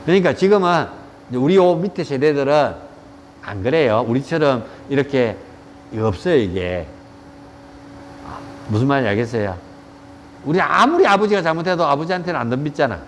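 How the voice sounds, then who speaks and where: A man's voice: a little high, lively intonation, normal speed, pauses often, a little hiss or hum. A middle-aged man with a Gyeongsang accent, giving a yoga lecture and telling joking stories in coarse, blunt language. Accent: Gyeongsang Korean. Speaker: yoga teacher. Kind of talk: casual lecture with anecdotes. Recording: reverberant room with faint ambience.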